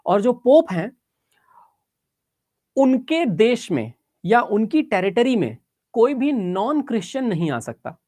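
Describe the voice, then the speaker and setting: A woman's voice: on the high side, big pitch swings, slow, pauses often, mellow, dry recording. A woman teacher giving a geography lesson, explaining step by step, checking in with her students and mixing English phrases into her Hindi.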